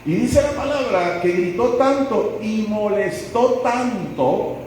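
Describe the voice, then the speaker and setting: A man's voice: sits high, expressive, takes it slowly, darkish tone, a little hiss or hum. A man preaching a sermon as pastor, telling the stories dramatically and acting out the people in them. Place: church sanctuary. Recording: echoey church hall, voice from far off.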